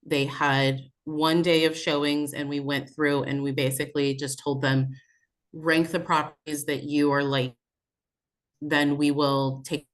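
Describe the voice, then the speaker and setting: A woman real estate agent on a video call, calmly walking through how a deal came together. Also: low-pitched, unhurried.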